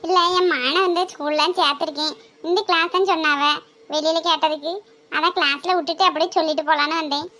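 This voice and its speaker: A woman's voice: high-pitched, steady tone, quick pace, pushed and bright. A woman playing an anxious, doting mother who coaxes her son and fusses over him. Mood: coaxing. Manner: coaxing, fussing and pleading.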